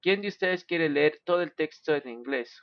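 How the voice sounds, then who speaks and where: A man teaching an English class online, speaking slowly, mixing Spanish and English, and often saying "ok". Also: on the high side, animated, no room sound. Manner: switches between Spanish and English, slow and careful, repeats "ok". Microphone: video call. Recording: dull lo-fi video call audio.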